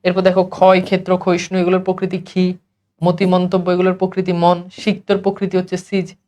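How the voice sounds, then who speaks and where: A man's voice: high voice, completely flat delivery, fast, a little mellow. A male teacher from Bangladesh giving an exam-prep grammar lesson, asking questions and answering them himself in a repetitive drill.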